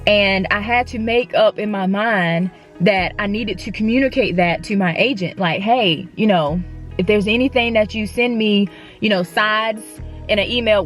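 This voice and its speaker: A young adult woman, sharing a personal faith story in a casual, conversational way with frequent restarts and fillers. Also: mid-range voice. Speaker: actress and faith vlogger.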